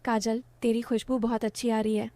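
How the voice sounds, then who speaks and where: A woman's voice: fairly high pitch, level tone, moderate pace, dark tone, dry recording, natural voice. A woman voicing a teasing young village guy.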